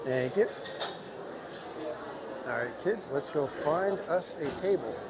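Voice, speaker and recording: A man livestreams a casual vlog from an ice cream shop in a busy theme park, chatting informally with viewers as he goes. His voice is a little high and animated yet slow-paced, against the loud crowd noise.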